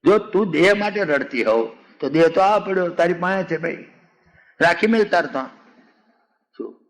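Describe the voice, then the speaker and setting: A fairly high-voiced older man with a Gujarati accent gives a spiritual discourse. He tells folksy stories, acts out the people in them, and slows down to chant verses. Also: lively intonation, low-quality recording. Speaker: spiritual speaker. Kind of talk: Ramayana discourse with humor and chanting.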